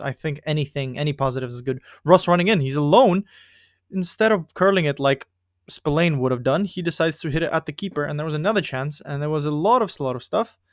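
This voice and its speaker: A gaming video creator, a man with a slightly high voice who isn't a native English speaker, chats casually while playing a football management game. He rambles, often stopping and restarting sentences, in a dry, studio-quality recording.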